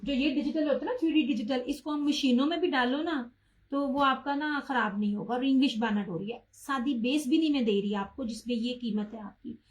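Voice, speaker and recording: Selling clothing online via live stream, this woman speaks a little fast in a high voice, and the recording quality is low. She keeps up a chatty patter, greets viewers by name, and pushes hard on how low her prices are.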